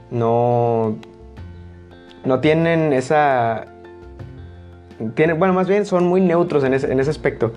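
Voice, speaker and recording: A young man with a Mexican Spanish accent telling stories casually, with a blunt, forceful delivery that gets louder as he goes. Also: medium pitch. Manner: loud, blunt delivery that rises into shouting when excited. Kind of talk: casual storytelling monologue.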